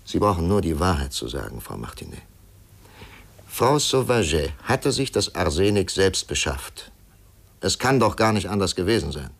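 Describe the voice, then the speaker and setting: A gravelly stern interrogator. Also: male voice, deep voice, sing-song, exaggerated voice. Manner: pressing, measured. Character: stern, persistent male interrogator. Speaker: investigator questioning a witness. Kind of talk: 1950s radio drama acting.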